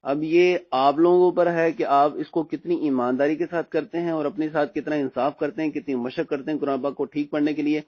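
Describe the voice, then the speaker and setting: A man with a Pakistani Urdu accent teaching Quran reading in a recorded lesson. He patiently explains, often says "theek hai", and slowly draws out letter sounds when he recites them. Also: a little high, fairly even intonation. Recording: dull lo-fi recording.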